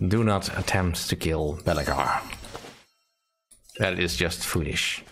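A man's voice: deep voice, slow pace, music in the background. A man giving casual, matter-of-fact commentary as he plays a video game. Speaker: gamer, let's play host. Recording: faint background noise, clicks.

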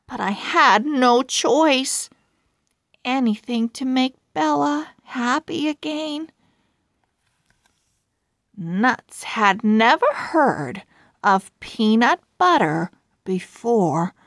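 A woman reads a children's book aloud as a storyteller, deliberate and expressive, enunciating carefully. Her voice is a little high, and the recording is studio quality with no echo.

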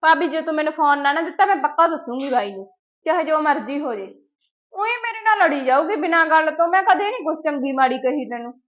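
A woman's voice: sits high, animated, quick pace. A woman with a Punjabi accent playing a stubborn, argumentative young sister in a family drama. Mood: defiant. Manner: argumentative, insistent. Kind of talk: amateur short-film acting. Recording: dull lo-fi sound.

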